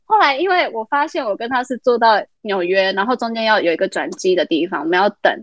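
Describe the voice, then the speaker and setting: A young adult woman recording remotely as a podcast guest, telling a story in a lively casual way. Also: medium pitch, fast talker, dry recording, dull audio. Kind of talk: casual chat.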